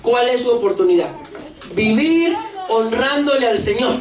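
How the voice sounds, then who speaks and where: A pastor with a Costa Rican accent preaching a lively sermon, asking the congregation questions and acting out voices. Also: medium pitch, unhurried, crowd noise. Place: church hall. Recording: echoey church hall, distant mic, faint noise.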